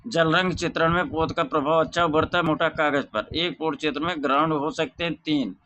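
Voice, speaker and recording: A man teaching an exam revision lesson, reciting questions and answers in a steady drilling way. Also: a little high, a little fast, muffled recording. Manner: softer, chatty sign-off to viewers.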